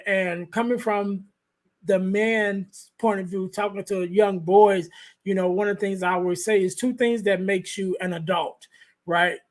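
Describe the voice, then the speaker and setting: Here a male podcast host chats interview-style into a podcast microphone. The voice is light and high, the manner quiet and halting, with many restarts and fillers as he reasons out loud.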